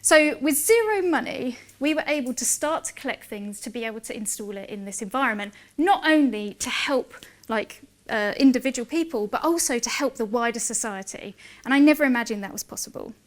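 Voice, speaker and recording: High-voiced, chatty woman giving a talk. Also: fairly quick. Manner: lively, chatty, self-mocking. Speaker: conference speaker. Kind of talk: conference talk.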